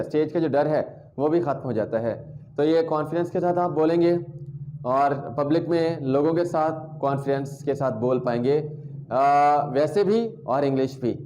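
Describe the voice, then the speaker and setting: A man teaching an English language lesson, drilling words and sounds slowly and repeating each one. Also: fairly high pitch, dark tone.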